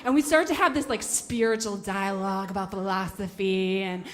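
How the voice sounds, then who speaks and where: Animated woman telling a personal story. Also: mid-range voice, moderate pace. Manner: animated, filler-heavy "like", acts out her own inner thoughts.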